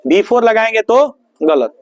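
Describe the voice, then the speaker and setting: A man's voice: high-pitched, lively intonation, normal speed, rough recording. A male teacher running a grammar lesson in a classroom, firing repeated questions at his students.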